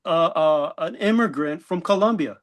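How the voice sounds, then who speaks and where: A man co-hosting a casual podcast chat, earnest and indignant, pausing to search for words. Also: on the high side. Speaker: podcast co-host.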